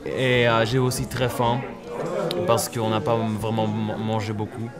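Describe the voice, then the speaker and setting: A young man from Israel, tired, introducing himself in halting French while searching for words. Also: fairly low pitch, monotone, over loud music. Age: young adult. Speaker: student visitor. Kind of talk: casual self-introduction to camera.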